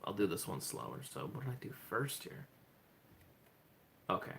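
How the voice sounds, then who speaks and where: A man livestreaming from home, chatting excitedly to himself as he goes, with lots of "hold on" and "oh my gosh". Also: lowish voice, normal speed, gravelly, slight background noise. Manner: excitable, thinks aloud, repeats "hold on" and "oh my gosh". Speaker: livestreaming speedcuber. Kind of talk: casual livestream self-talk.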